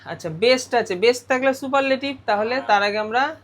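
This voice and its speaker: Briskly, a man with a very high, fairly bright voice leads a grammar lesson step by step, often turning to the class with questions.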